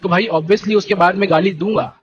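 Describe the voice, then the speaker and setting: A young man leading a gaming team, ranting to his stream viewers in an animated, indignant way and repeating fillers. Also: high voice, a little fast, dull audio, faint music behind. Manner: animated and indignant, keeps repeating "theek hai" and "bhai". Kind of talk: heated live-stream rant.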